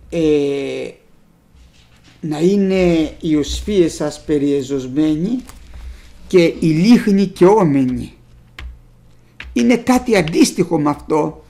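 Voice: mid-range voice, creaky, dark tone. A preacher giving a sermon, reading old scripture aloud and explaining it plainly to the congregation, whom the preacher calls brothers. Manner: speaks directly to the congregation as brothers.

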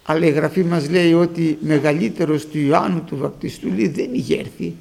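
A man preaching a sermon, emphatic, rising to high loud peaks as he addresses the congregation. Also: vocal fry.

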